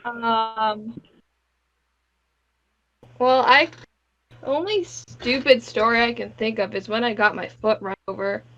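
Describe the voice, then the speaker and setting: A woman in a casual chat with friends, halting and hesitant as she tells a story. She speaks slowly and a little high, and the recording sounds dull and lo-fi. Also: sharp tone.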